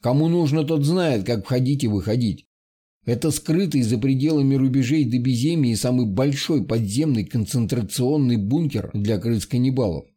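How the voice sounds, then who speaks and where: A man voicing a grim, vengeful male villain who speaks in a rough, slow growl, for an audiobook. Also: mid-range voice, warm tone, lightly acted. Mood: gloating. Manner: slow, threatening, curt. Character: grim vengeful exiled male ruler, menacing.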